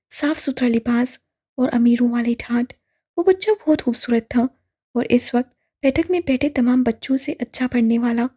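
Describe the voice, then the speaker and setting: Breathy woman reading a novel. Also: high-pitched, mellow. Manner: slow, measured, somber storytelling. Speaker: audiobook narrator.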